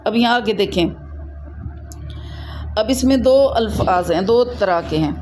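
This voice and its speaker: A woman's voice: medium pitch, expressive, a little mellow, slight background noise. A woman with a Pakistani Urdu accent teaching a Quran recitation lesson to a student, patiently explaining and checking that she understands.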